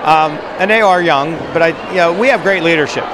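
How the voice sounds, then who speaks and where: A middle-aged man talks fast and animated in a postgame interview, his voice sitting a little high. He holds a handheld mic in a big high school gym, with the crowd noise clearly heard behind him. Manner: animated, gesturing while standing. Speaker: wrestling coach. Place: high school gym, large indoor space. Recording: noisy gym background.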